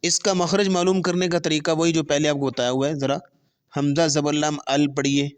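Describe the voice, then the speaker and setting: A man teaching Quran pronunciation, explaining step by step and stretching letters slowly in drills, with English terms mixed in. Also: a little high, level tone. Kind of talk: tajweed lesson with spoken drills.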